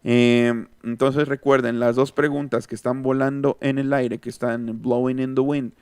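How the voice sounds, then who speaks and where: A man's voice: mid-range voice, flat delivery, normal speed, smooth, no room sound. A man with a Mexican accent teaching an online linguistics class, thinking aloud and answering students' comments as he goes. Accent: Mexican Spanish. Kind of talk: online lecture. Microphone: close mic, online class.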